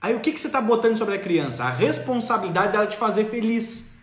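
Animated high-pitched man giving parenting advice. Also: fast talker, roomy sound. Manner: animated, acts out parent and child voices. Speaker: parenting advice live-stream host. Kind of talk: casual live-stream advice.

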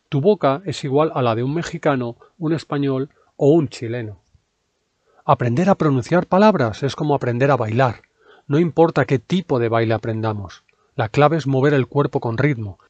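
A man who teaches Spanish, reading his own article aloud in a calm, measured way with clear diction. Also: mid-range voice, dry recording.

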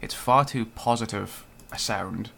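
A man's voice: fairly low pitch, measured pace, creaky, fairly bright tone, a little hiss or hum. A man co-hosting a casual music review podcast, blunt and dryly critical. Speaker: podcast co-host.

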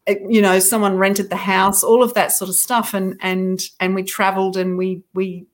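A woman's voice: mid-range voice, little pitch movement, moderate pace. Thoughtful middle-aged woman author. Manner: thoughtful, self-deprecating, frequent restarts. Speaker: author guest. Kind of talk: reflective interview talk.

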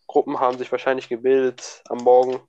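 A man's voice: mid-range voice, completely flat delivery, fairly quick, a little mellow, highs cut off. Slangy young man chatting casually. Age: young adult. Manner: slangy, laughs often, restarts words. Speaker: student. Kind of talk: casual chat.

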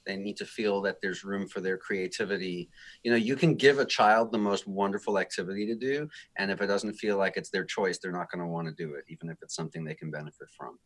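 Low-voiced reflective man, music therapist. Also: a bit bright. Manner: reflective, thoughtful, self-deprecating. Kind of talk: casual podcast interview.

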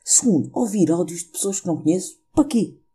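A man with a European Portuguese accent delivers a loose comic monologue from home. His voice is husky and dark, and he rambles and teases his own jokes as he goes. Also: high-pitched, lively intonation, fast. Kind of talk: casual comedic monologue. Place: at home during lockdown.

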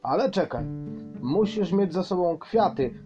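A man voicing a proud, enthusiastic father troll who talks in grand, excited phrases. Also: high-pitched, a little slow, lo-fi sound, over music, pitched above the performer's own voice. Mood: eager.

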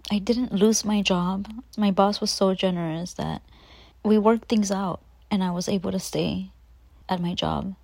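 A young woman hosting a podcast, talking through her struggles in an emotional, halting way, sometimes dropping to a whisper. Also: mid-range voice, vocal fry, dry recording. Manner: emotional, halting, with frequent restarts and soft whispered stretches. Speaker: podcast host. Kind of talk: personal confessional monologue.

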